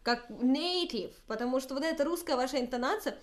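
A woman's voice: high voice, brisk. A woman with a Russian accent teaching English intonation in a casual lesson. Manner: lively, demonstrates intonation.

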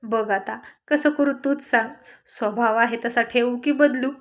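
A mischievous grown husband full of cheeky jokes, read by a woman narrator, his voice pitched a little high. He speaks in quick banter, as if leaning in with a grin, in a spoken storybook. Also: natural voice. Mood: teasing. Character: playful teasing husband, grown man.

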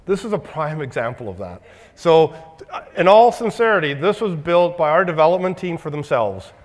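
A man speaking at a tech conference, measured and careful, with hesitant restarts. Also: fairly high pitch, sing-song, long reverb tail. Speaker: conference presenter. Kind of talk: conference talk.

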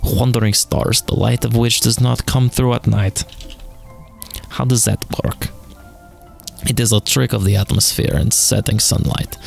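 A man voicing a gruff older male neighbor with an attempted Russian accent and solemn broken phrasing. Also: mid-range voice, steady tone, soft background music. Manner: slow, solemn, broken grammar.

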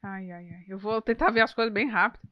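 A woman's voice: medium pitch, steady tone, fairly quick, no echo, lo-fi sound. A young woman, giving live gameplay commentary, jumpy and exclaiming, swearing at enemies. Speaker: streamer.

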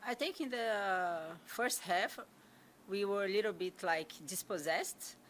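A young woman from Brazil whose first language is Portuguese, answering questions as a soccer player at a press conference, speaking English with a Brazilian accent into a stand mic, often halting and repeating words. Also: medium pitch, a bit bright, slight background noise. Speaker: national team soccer player. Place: press conference room with sponsor backdrop. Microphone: stand mic in front of her.

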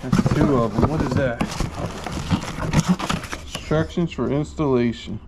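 Sorting through a storage unit, a mid-range-voiced man thinks out loud in an easygoing, folksy manner for his casual vlog. The footage comes from a chest-mounted action camera in a metal unit and gravel lot outside, and its audio is noisy.

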